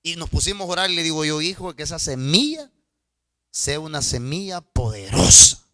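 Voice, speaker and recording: A middle-aged man preaching a storytelling sermon as a pastor, swinging from loud outbursts to hushed asides and stammering repetitions. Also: on the high side, very animated, normal speed, dry recording, clean studio sound. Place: church.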